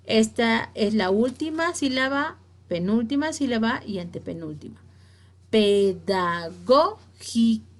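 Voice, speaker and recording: A woman's voice: fairly high pitch, lively intonation, normal speed. A woman teacher giving a spelling lesson to her students, stressing key words and checking that they follow along.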